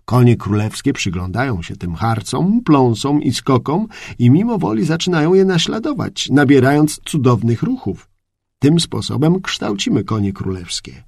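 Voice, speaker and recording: In this storybook tale an earnest royal horse groom explains things in a raised, carrying voice that sits a little higher than usual, as a male reader puts him on. The tone stays gravelly and husky, and it sounds close and dry. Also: very animated, moderate pace, darkish tone, dry recording, heavily acted. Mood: explaining. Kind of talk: audiobook character reading.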